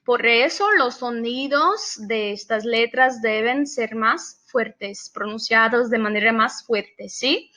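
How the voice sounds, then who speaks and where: A woman's voice: a little high, slow, hardly any pauses, sharp tone. A Brazilian woman teaching a language lesson in a patient, repetitive way, often checking that her students follow. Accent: Brazilian Portuguese. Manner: patient, repeats words and asks for agreement. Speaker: Spanish teacher. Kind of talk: classroom lesson, mixing Portuguese and Spanish.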